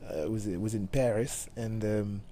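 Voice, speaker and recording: A middle-aged man from Cameroon, a bassist talking casually in an interview with many halting restarts. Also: mellow, slight background noise. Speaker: guest bassist.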